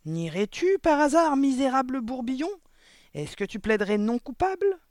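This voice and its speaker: A man's voice: on the high side, moderate pace, a little mellow, no room sound, close to an everyday voice. A man reading a storybook aloud, voicing a cruel, furious woman headmistress who bellows insults at a pupil. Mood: raging.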